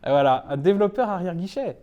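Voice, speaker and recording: Brief: man from France, young adult, meetup speaker, playful self-mocking humour, lively swoops in pitch. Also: fast talker, dull audio. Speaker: conference speaker. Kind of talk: humorous tech talk to a live audience. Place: meetup talk room.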